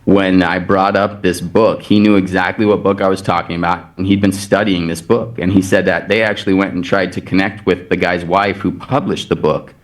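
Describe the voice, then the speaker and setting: A man's voice: low-pitched, level tone, a little fast, few pauses. A man on a video call, a podcast guest animatedly retelling a personal story full of quoted back-and-forth. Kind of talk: anecdotal storytelling in casual chat.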